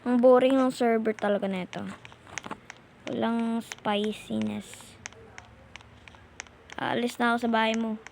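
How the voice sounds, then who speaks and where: A woman's voice: a little high, fairly even intonation, measured pace, creaky, pauses often, background noise. A woman from the Philippines giving playful gameplay commentary, muttering to herself as she plays. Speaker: gamer.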